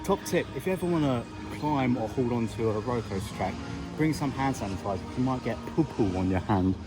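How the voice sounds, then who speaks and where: A man's voice: medium pitch, lively intonation, fairly quick. A man hosting a casual theme park vlog outdoors, chatting in a playful, jokey way. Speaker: vlog host. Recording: loud music behind, outdoors.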